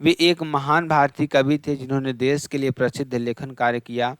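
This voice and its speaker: Smooth-voiced male Hindi exam tutor. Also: mid-range voice, level tone, no echo. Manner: quizzing, asks then answers his own questions; rapid list-reading, repeats answers. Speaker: Hindi exam-prep teacher. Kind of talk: exam revision lesson.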